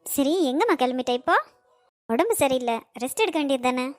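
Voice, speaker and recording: Woman playing a fussy old granny, kanyakumari accent, high voice, dry sound. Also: lively intonation, a little fast, no echo. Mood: scolding. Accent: Kanyakumari Tamil. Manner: pleading and scolding, fussy. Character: worried elderly grandmother, fussing and protective. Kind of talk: amateur cartoon voice acting.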